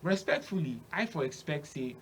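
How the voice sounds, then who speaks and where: A man's voice: a little high, sing-song, normal speed, husky. A Nigerian man giving opinionated Pidgin commentary as a panel analyst, emphatic and repeating phrases for stress.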